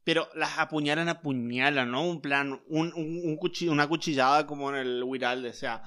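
Wry bright man chiming in. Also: on the high side, steady tone. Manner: wry, chiming in with quick agreeing asides and laughs. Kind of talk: casual chat recapping a series.

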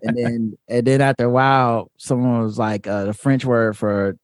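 A man's voice: mid-range voice, steady tone, normal speed, no echo. A man hosting a podcast in casual chat with laid-back, dry remarks. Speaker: podcast host.

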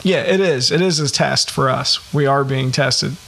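A man's voice: mid-range voice, moderate pace, gravelly, fairly bright tone. A man co-hosting a casual podcast, talking in a rambling, thoughtful way with a playful side. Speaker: podcast co-host.

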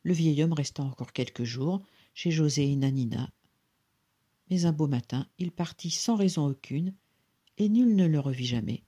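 A narrator reading a folk tale aloud in an even, gentle storytelling manner. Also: mid-range voice, normal speed, slightly rough.

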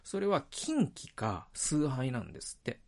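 A man's voice: mid-range voice, huge pitch swings, a little slow, gravelly, darkish tone. A man hosting a solo podcast, talking reflectively into a microphone with frequent hesitations and self-corrections. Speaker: podcast host. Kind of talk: solo podcast monologue about a book. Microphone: speaking into a microphone.

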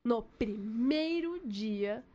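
Young woman host, high voice, animated storyteller, slightly muffled lo-fi sound. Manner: animated storyteller, quick asides. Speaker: podcast co-host. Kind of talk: casual chat.

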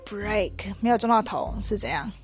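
A woman's voice: medium pitch, steady tone, moderate pace, soft background music. A woman reading a picture book aloud to a child, switching between English and Chinese and stopping to ask questions. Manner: asks the child questions as she reads.

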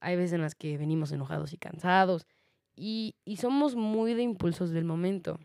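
A woman's voice: fairly low pitch, normal speed, darkish tone, no echo, clean studio sound. A young woman with a Mexican accent telling a personal story in a chatty way, often laughing and using many fillers. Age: young adult. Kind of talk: casual storytelling monologue.

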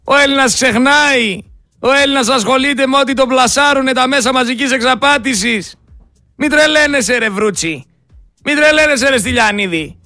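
A man's voice: extremely high pitch, sharp tone, no echo, studio quality, soft background music. A man hosting a radio show, giving angry, sarcastic political commentary and talking straight to his listeners. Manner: indignant, sarcastic, addresses listeners as friends. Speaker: radio host.

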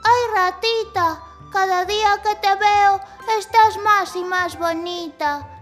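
Woman doing a shy sweet little mouse boy, squeaky and slow. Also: fairly even intonation, a bit bright, soft background music, heavily acted. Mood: lovestruck. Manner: timid and sweet.

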